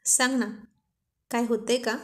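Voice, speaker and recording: A woman's voice: on the high side, level tone, a little slow, close to an everyday voice. A woman voicing a playful young husband who teases his wife affectionately, in a storybook reading. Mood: teasing. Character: loving, teasing young husband.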